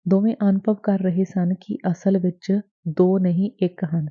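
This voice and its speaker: A woman narrating a novel as an audiobook in a measured, steady reading voice. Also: on the low side. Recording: dry, tinny phone-like sound.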